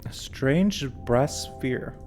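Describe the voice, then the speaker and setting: A man's voice: mid-range voice, animated, extremely slow, darkish tone, soft background music. A tired man streaming a puzzle game, talking casually and thinking aloud as he works through it. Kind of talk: casual let's-play commentary.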